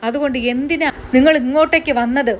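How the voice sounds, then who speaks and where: A bitter middle-aged aunt, as a woman acts her out, firing off shrill, fast accusations at the visitors. The voice sits high, and a faint hiss runs behind it. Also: fairly bright tone, natural voice. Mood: furious.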